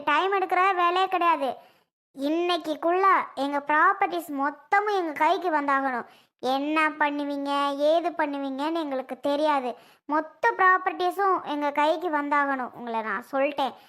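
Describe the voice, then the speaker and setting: A harsh, sharp-tongued mother, as a woman plays her in a family drama skit, scolding her family and demanding what she is owed. Her voice sits very high and bright, sharp and forceful.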